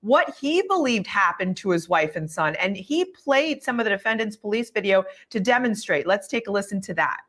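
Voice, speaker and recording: A woman's voice: mid-range voice, animated, normal speed, few pauses, a bit bright, a little hiss or hum. A woman hosting a broadcast legal news discussion, putting questions to panelists. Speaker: news host.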